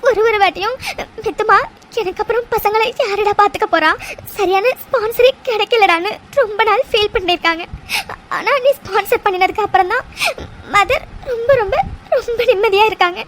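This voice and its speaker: A woman voicing an emotional young woman in a cartoon love story, halting and tearful as she thanks her fiancé. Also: very high-pitched, fairly bright tone, a little hiss or hum. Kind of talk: cartoon voice acting.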